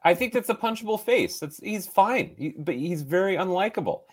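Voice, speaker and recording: A man's voice: high voice, expressive, moderate pace. A man co-hosting a casual movie podcast, talking enthusiastically with lots of fillers. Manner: enthusiastic, rambling with many fillers. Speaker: podcast co-host.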